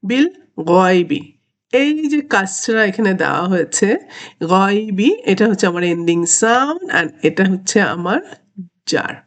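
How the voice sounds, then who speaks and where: A woman teaching Quranic Arabic grammar in an online lesson, stretching out each Arabic word slowly and deliberately and slipping English terms into her explanations. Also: mid-range voice, lively intonation. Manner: slow, deliberate, drawn-out Arabic words, mixing English terms.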